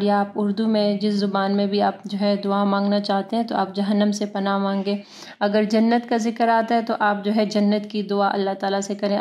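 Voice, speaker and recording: A woman teaching Quran recitation rules, explaining each point patiently and stretching out the verses slowly. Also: medium pitch, a little mellow. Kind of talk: recitation lesson.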